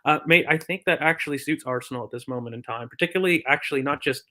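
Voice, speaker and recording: A man's voice: a little high, quick pace, sharp tone. Chatty man talking football as a physio. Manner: thoughtful, filler-heavy, explains from a physio view. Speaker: podcast co-host. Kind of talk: casual football chat.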